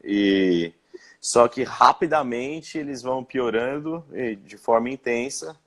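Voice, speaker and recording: A man's voice: medium pitch, lively intonation, takes it slowly, a bit bright. Hesitant young man telling his story. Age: young adult. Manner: hesitant, many fillers and restarts. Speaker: interviewed guest. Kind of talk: live-stream interview, personal account.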